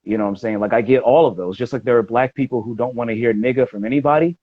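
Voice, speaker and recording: A podcast guest talks quickly in a medium-pitched voice during a casual conversation, wandering through ideas and arguing his point at length. The audio is dull and dry.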